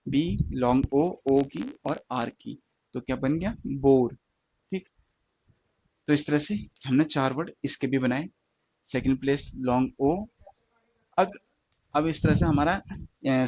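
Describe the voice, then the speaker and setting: A man's voice: a little high, a little mellow, dull audio. A male teacher explaining stenography step by step, repeating words and asking his students questions. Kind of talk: classroom lesson.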